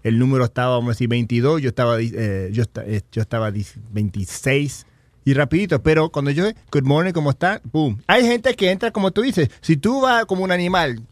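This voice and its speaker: A man on a radio talk show who tells stories loudly, switches between Spanish and English, and acts out the people he quotes with shouts and laughs. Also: mid-range voice, expressive, a little fast, no echo. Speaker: show regular telling stories. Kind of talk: loud animated storytelling, Spanish mixed with English.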